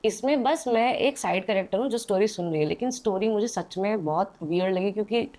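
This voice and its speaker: In a podcast studio, a young female guest recounts a story casually and chattily, speaking briskly in a warm, mid-range voice. She hesitates with fillers and keeps checking in with "theek hai," meaning "okay?"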